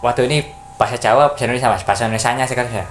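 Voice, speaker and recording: A man from Java, a podcast guest, casually telling a story in an animated way, acting out voices and sound effects. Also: mid-range voice, racing, soft background music. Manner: animated, acts out voices and sound effects, keeps addressing the listener.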